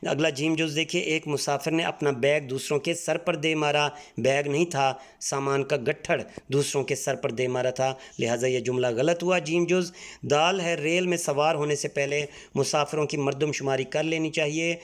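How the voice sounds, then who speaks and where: A man's voice: fairly high pitch, steady tone. Patient male teacher spelling out words. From Pakistan. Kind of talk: Urdu textbook exercise lesson.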